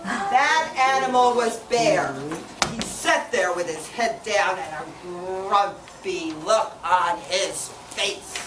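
A woman reading a picture book aloud to children, expressive and stopping to ask her listeners questions. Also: medium pitch, takes it slowly. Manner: expressive, asks the audience questions. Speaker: storyteller. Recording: echoey room, distant mic, background noise.

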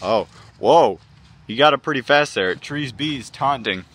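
A man's voice: mid-range voice, expressive, measured pace, a bit bright, slightly rough. A young man giving hyped play-by-play commentary on a backyard wrestling match, exclaiming often. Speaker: match announcer.

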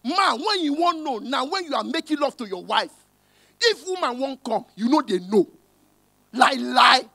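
A man with a Nigerian accent doing stand-up comedy in Pidgin and English on a cinema stage. He talks loud and punchy, shouts his punchlines and slips into the voices of the people in his stories. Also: very high-pitched, very animated, normal speed, vocal fry, dry recording. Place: cinema hall stage with a live audience. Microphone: handheld mic. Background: audience laughter.

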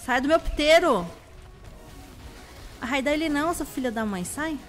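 A young Brazilian woman talks through her gameplay in a casual, chatty flow. Her voice sits a little high and a little hoarse, and she breaks into sudden shrieks when the action spikes. Soft game music plays faintly behind her. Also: animated, normal speed. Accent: Brazilian Portuguese. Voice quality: slightly hoarse. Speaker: gameplay video host. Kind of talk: casual let's-play commentary.

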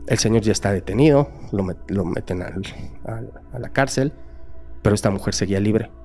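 Low-voiced Mexican man telling a crime case. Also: fairly quick, darkish tone. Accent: Mexican Spanish. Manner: earnest, acts out quoted voices in the story. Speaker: podcast guest. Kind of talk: telling a true crime case in casual talk.

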